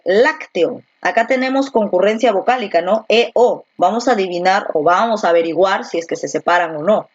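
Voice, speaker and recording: A woman teacher giving an online class, patiently repeating words slowly to show where the stress falls and asking the student questions. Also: mid-range voice, dull audio. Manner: asks rhetorical questions to the student. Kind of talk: virtual class lesson.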